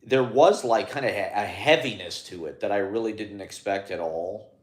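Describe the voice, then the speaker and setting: A clown by trade, this man muses aloud into his phone in a rambling, halting monologue crowded with fillers and restarts. His pitch is fairly low, and the room is audible.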